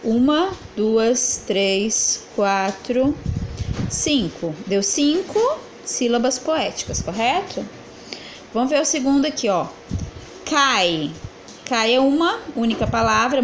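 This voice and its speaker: A woman's voice: a little high, animated, a little slow, slight background noise, rough recording. A woman teacher correcting exercises in a lesson, asking the class questions and answering them herself as she counts syllables aloud.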